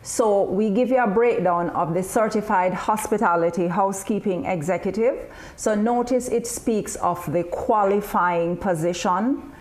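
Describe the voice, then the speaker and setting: A woman presenting a training webinar, explaining course costs in a measured, upbeat way. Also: mid-range voice, a little mellow. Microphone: video call.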